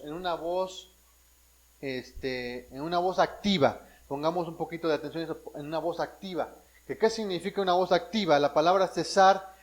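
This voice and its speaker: A man's voice: a little high, poor audio. A man from Mexico preaching a sermon as a pastor. He works through Bible verses, often checks in with the congregation, and restarts and corrects himself often. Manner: frequent restarts and self-corrections.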